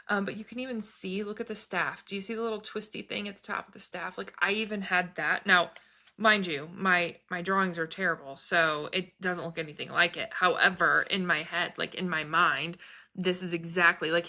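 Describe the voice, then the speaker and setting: A woman's voice: medium pitch, pushed and bright. A woman chatting casually to viewers as a vlogger, in a rambling, hesitant, informal way, often interrupting herself. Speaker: vlogger talking about trance channeling spirit guides. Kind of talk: casual rambling video chat.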